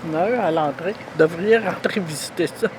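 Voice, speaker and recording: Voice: medium pitch, quick pace, a little hiss or hum. An older retirement home resident, speaking casually and a little unsure.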